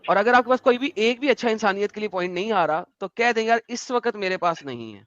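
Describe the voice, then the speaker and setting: A man's voice: high-pitched, lively intonation, fairly bright tone, no echo, highs cut off. Impatient sarcastic man hosting a debate. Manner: impatient, sarcastic, mixes English. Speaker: debate host. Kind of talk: livestream debate.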